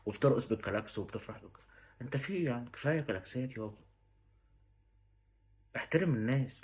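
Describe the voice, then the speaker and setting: A man with an Egyptian Arabic accent, talking straight to the listener in an exasperated, pleading rant. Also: medium pitch. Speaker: vlogger. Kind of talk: direct-to-camera rant.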